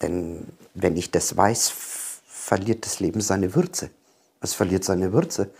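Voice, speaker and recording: A man's voice: low-pitched, slow, gravelly, darkish tone, husky. A man giving a motivational self-help monologue, talking earnestly and directly to the viewer and repeating his points. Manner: earnest, repetitive, speaks straight to the viewer.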